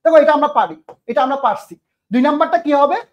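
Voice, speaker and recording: High-voiced scolding woman teacher. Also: expressive, fast talker, dull audio. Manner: scolding, keeps firing questions at students. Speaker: English grammar teacher. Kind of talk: online admission-test grammar lecture.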